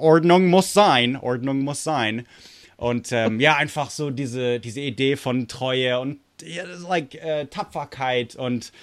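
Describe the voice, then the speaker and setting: A native English-speaking man with an American accent speaks German in a mid-range voice, chatting casually about history on a podcast. He searches for words and slips in English ones along the way.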